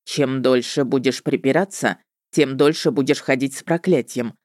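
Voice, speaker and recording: A woman's voice: extremely low pitch, normal speed, a little mellow, dry recording, clean studio sound, voice pushed down. A woman voicing a brash, cocky male witcher in an audiobook, talking in a curt, dismissive, matter-of-fact way. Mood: businesslike.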